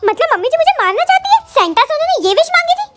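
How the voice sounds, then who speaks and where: Cheeky scheming young bahu played by a woman, very high bright voice, music under. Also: sing-song, full character voice. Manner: cheeky, quick and exclaiming. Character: young Indian daughter-in-law, cheeky and scheming. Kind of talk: comedy sketch acting.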